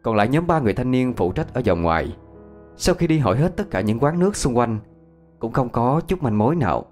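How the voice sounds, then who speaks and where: A man narrating a ghost story in an expressive, dramatic way. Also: mid-range voice. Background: faint music.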